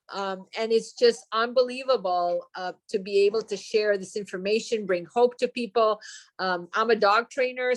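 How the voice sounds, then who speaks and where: A woman who works as a dog trainer giving an earnest testimonial on a video call, with some fillers. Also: medium pitch.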